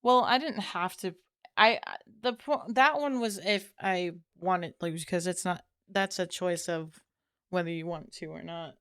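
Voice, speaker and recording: A woman's voice: lowish voice, unhurried, a bit bright, smooth, no echo, clean studio sound. A woman streamer chatting casually after a game, rambling, trailing off and correcting herself as she goes. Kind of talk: casual chat while gaming.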